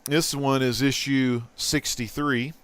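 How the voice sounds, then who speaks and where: A man hosting a casual comic book haul vlog, chatty and excitable, swinging from loud bursts to mumbled asides. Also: medium pitch, slow, smooth. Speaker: host.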